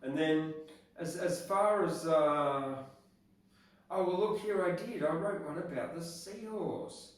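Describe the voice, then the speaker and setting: A man reading his own poems at an open mic and chatting casually between them, hesitant and halting. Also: on the high side. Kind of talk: casual poetry reading with informal chat. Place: echoey room at an open mic event. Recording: echoey room, distant mic.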